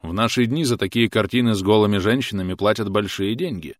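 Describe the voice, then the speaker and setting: A man voicing a calm, sly immigrant father in an audiobook, speaking in a dry, deadpan way. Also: fairly low pitch, fast talker, no echo, lightly acted.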